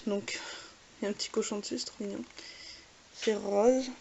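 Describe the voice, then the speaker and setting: A woman's voice: mid-range voice, steady tone, normal speed, gravelly, warm tone, highs cut off. A woman with a French accent, chatting casually with many fillers while showing makeup swatches. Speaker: beauty vlogger. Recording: faint hiss.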